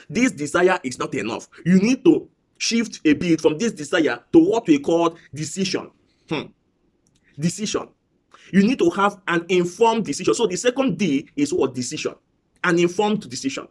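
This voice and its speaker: A man giving a business coaching talk, repeating key phrases with slow, preacher-like emphasis. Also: sits high.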